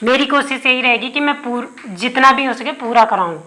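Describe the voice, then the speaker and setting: A woman with a high, pushed, bright voice and a slightly fast pace runs an exam-prep Hindi grammar lesson. She dictates notes, asks questions she then answers, and keeps returning to key terms through rhetorical questions.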